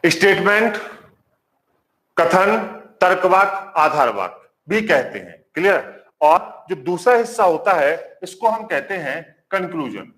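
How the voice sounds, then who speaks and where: High-voiced Hindi-speaking male teacher. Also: big pitch swings, measured pace. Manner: repeats points and quizzes the class; warm greetings to viewers. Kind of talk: live online reasoning class. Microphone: marker on whiteboard.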